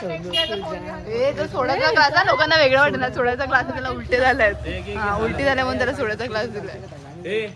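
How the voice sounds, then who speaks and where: A woman's voice: on the high side, expressive, fairly quick. A woman with a Marathi Koli accent, chatting and teasing as she films a wedding vlog. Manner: chatty, teasing, talks to camera. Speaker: vlogger. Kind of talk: casual vlog chat. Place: outdoors at a busy wedding. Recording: noisy crowd around.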